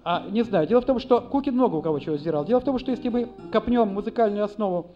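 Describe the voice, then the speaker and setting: A man's voice: sits high, rapid-fire, highs cut off, faint music behind. A man from Saint Petersburg, a singer-songwriter, rambling and self-deprecating between songs at a live performance. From Saint Petersburg, Russia. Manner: rambling, self-deprecating, hums and sings snatches of tunes.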